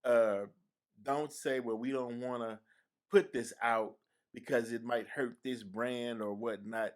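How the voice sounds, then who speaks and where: A man hosting a radio interview, speaking haltingly with repeated words and restarts. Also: mid-range voice, fairly even intonation. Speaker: radio show host. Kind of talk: conversational interview.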